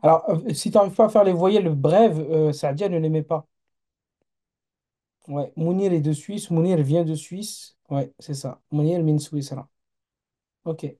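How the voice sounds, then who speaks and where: Patient male teacher, dark mellow tone, runs a live online class and checks on learners. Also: on the high side, a little slow. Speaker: Arabic teacher.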